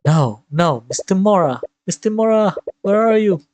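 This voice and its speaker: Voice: mid-range voice, expressive, normal speed, a little mellow, no room sound, pitched above the performer's own voice, lightly acted. A streamer voicing a panicked young male attorney in a visual novel, calling out frantically and stammering. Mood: frantic. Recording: game music behind the voice.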